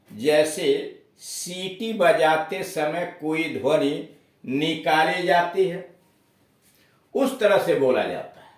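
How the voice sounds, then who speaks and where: Brief: unhurried male tutor drilling pronunciation, distant mic in a very echoey room. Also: fairly high pitch. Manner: slow, repeats example words with emphasis. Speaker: English teacher. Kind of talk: spoken pronunciation lesson.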